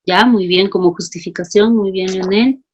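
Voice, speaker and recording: A woman's voice: medium pitch, moderate pace, a little mellow, slightly rough. A woman teacher leading a class, calling on students by name and reading out their answers. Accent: Peruvian Spanish. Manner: calls students by name, asks for justifications.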